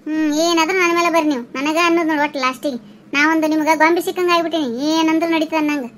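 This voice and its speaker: A woman voicing an older, sharp-tongued village housewife in a comic cartoon, speaking with a North Karnataka Kannada accent and scolding with quick retorts. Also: sits high, steady tone, slight background noise.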